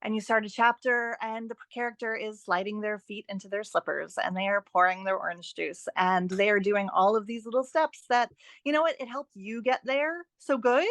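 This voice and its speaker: In a dry recording, a woman with a medium-pitched, steady, slightly bright voice speaks at a moderate pace. She's a guest editing expert and author, giving advice conversationally, with emphasis and rhetorical questions.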